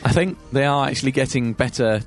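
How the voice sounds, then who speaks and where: A man hosting a comedy podcast, reading news stories aloud with halting restarts. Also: medium pitch, soft background music. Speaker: host.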